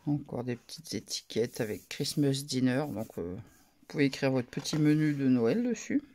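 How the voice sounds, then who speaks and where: A woman casually talking through a craft haul, soft-spoken and murmuring, her asides drifting into whispers. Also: extremely low pitch, animated, moderate pace. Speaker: craft vlogger.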